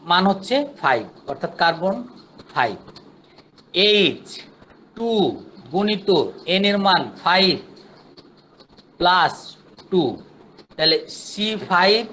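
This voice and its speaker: A male chemistry teacher gives an online lecture in a high voice. He is patient and repeats himself, counting items out one by one. A faint ambient hum sits behind him. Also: sharp tone. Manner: patient, repetitive, counts steps aloud.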